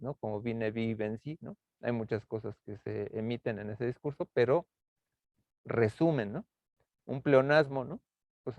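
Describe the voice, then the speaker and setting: A man lecturing a class on rhetorical figures, halting often with fillers and tag questions. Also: mid-range voice, vocal fry, a little mellow, no room sound. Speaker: university lecturer. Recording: tinny phone-like online class audio.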